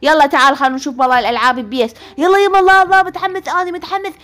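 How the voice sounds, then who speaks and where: A woman's voice: high-pitched, little pitch movement, very fast, a bit bright. A woman with an Iraqi Arabic accent giving chatty, playfully scolding commentary while she plays a game. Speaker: gaming video host. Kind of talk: casual let's-play commentary.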